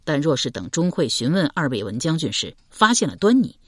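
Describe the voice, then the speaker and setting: A woman voicing a calm, scheming male general who explains his plan slowly and carefully. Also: deep voice, husky, dry recording, clean studio sound, heavily acted. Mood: measured, explaining. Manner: slow measured explaining.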